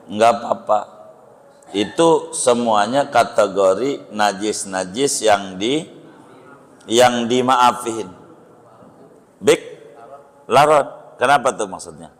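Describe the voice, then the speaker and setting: A man teaching a religious lesson as a kiai, speaking with a Betawi Indonesian accent in a slow, folksy way, often asking his listeners rhetorical questions. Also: medium pitch, in a large hall. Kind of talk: mosque religious study lesson. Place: mosque hall.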